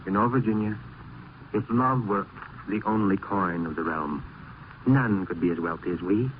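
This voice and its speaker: An actor playing an ardent poet and devoted husband in a theatrical, flowery manner, in the style of 1950s radio drama. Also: male voice, on the low side, normal speed, close to an everyday voice. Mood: ardent, dreamy. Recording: tinny band-limited old radio recording, faint noise.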